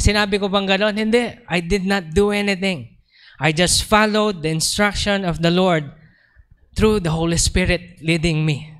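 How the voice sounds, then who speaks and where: A man preaching at a church service in a Filipino accent. His voice sits a little high and rings out clean and resonant. He tells a personal story, moving between Tagalog and English. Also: a bit bright, clear, resonant tone. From Philippines. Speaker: pastor. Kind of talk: sermon with personal testimony.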